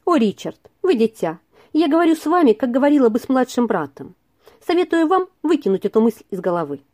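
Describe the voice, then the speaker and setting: A woman reading aloud and voicing a lively, impatient young lady with a bright, teasing manner. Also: high-pitched, fairly quick. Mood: pleading.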